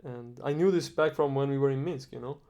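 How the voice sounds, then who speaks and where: A man from Iran in a casual chat, relaxed and rambling, swearing often. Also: mid-range voice, a little fast.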